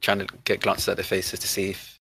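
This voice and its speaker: Man, flat intonation, heavy vocal fry, casual tabletop role-play. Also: low voice, fairly quick. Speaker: player in a tabletop role-playing game. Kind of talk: casual improvised character description.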